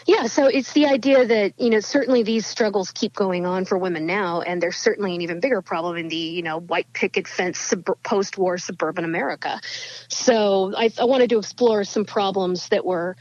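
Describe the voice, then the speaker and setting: A woman novelist talks through her answers in a chatty, rambling way, full of fillers and restarts. Her pitch sits in the middle, and the sound is a little dull and lo-fi. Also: normal speed, darkish tone, dry recording. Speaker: novelist guest. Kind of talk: interview answers.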